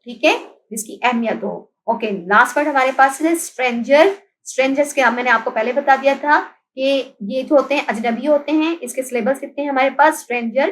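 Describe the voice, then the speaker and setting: High-voiced woman teacher. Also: a little hiss or hum, poor audio. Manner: patient, spells words out letter by letter and repeats them; mixes English terms into explanations. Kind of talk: classroom lesson recorded as video.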